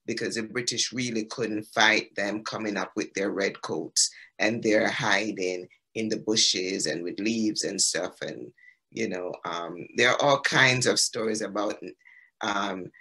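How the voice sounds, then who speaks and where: A man from the Caribbean speaks as an exhibiting artist in an online gallery talk. His voice is bright and forward, and he explains things in a loose, storytelling way, pausing on ums. The sound comes through a video call. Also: lowish voice, husky.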